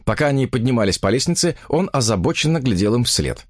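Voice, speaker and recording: Male audiobook narrator, lively expressive pitch, dry close studio sound, literary reading. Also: fast talker, no echo.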